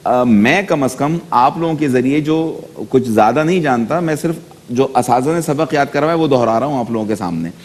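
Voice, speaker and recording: A male judge gives calm, advisory feedback, often pausing with fillers. His mid-pitched voice rings through a reverberant studio hall. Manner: measured, advisory, many hesitation fillers. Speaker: judge of a speech contest. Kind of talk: critique on a studio panel.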